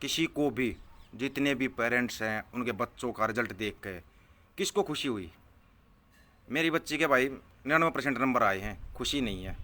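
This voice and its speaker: A man's voice: mid-range voice, normal speed, pushed and bright. A man, ranting angrily and scornfully to his viewers, hammering his points home by repeating them. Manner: scornful, heated, repeats phrases for emphasis. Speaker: political vlogger answering viewer comments. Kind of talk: angry live political rant.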